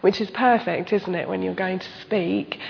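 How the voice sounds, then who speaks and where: Female church speaker, hoarse and gravelly, informal testimony style, muffled reverberant recording. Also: medium pitch, fairly even intonation, normal speed. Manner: candid, conversational. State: hoarse from losing her voice. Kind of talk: informal sermon, personal testimony. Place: church meeting hall.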